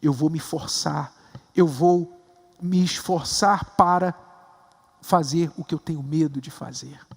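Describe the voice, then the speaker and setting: A man with a Brazilian Portuguese accent, a bishop preaching a sermon with emphatic rises to stressed high points. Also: slow pace, gravelly, breathy edge, big-room sound. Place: large temple hall.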